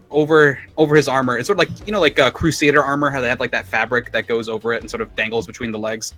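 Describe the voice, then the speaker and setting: Guy running a tabletop game, bright voice, lots of ums and likes, soft music behind. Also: mid-range voice. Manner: casual, filler-heavy description. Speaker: game master.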